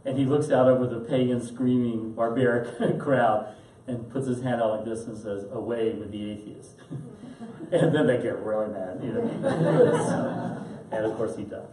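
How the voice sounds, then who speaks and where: A man leading a Bible study in a parish meeting room, talking in a chatty lecture style. His tone is mellow and dark. The sound is echoey and captured from a distance, with faint noise underneath. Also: medium pitch, normal speed. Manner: chatty, acts out quotes, chuckles often. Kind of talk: conversational lecture.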